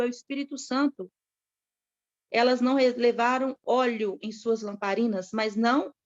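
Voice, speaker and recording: A woman preaching a sermon to other women with a fervent, repetitive cadence. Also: on the high side. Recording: dull lo-fi recording.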